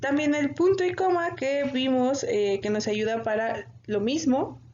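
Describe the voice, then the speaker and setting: A woman's voice: high voice, a little slow, darkish tone. Mexican woman teaching with many fillers. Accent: Mexican Spanish. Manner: explanatory, frequent "eh" fillers and self-corrections. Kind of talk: online exam-prep lesson. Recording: dull lo-fi audio with faint noise.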